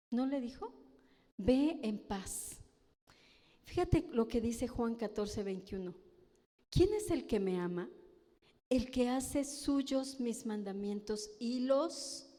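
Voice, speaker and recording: A woman's voice: on the high side, expressive, slow, mellow. A woman preaching a sermon in a Mexican Spanish accent, speaking emphatically and often asking the congregation questions, heard in a church hall. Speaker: pastor's wife preaching. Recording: long church-hall reverb.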